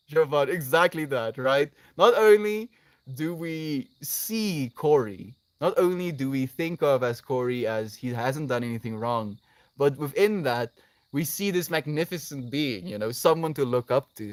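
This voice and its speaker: A medium-pitched male voice with no echo. He's a live streamer reacting to comments from his viewers, chatting casually and warmly and calling them his friends.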